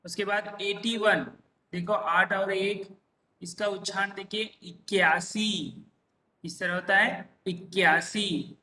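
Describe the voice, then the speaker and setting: A man gives a classroom lesson, stretching each word and answering his own questions. His voice is high and very bright. He sits back from the mic in an echoing room. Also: fairly even intonation, recorded from a distance. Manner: drawn-out repeated pronunciations, asks and answers himself. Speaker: teacher. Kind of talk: slow classroom-style number lesson. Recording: echoey room, voice a bit off-mic.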